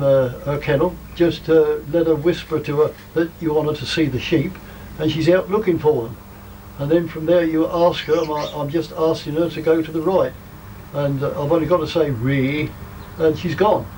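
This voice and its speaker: An older man explains his craft in an informal, plain-spoken and rambling manner. His voice sits a little high for a man. It is picked up from some distance outdoors, with faint noise around it. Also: fairly even intonation, moderate pace, darkish tone. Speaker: sheepdog trainer. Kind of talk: informal instructional commentary and advice. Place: outdoors in a field.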